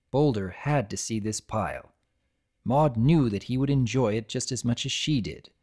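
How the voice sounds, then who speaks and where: A man reading a story aloud as scripted dramatic narration, in a measured, expressive storytelling manner. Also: mid-range voice.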